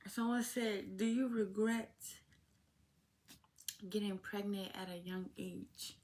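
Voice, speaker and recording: Slow-talking teenage woman, casual vlog. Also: medium pitch, fairly even intonation, a little mellow. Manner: talks slowly, informal and heartfelt, addresses viewers as y'all. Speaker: vlogger. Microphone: phone.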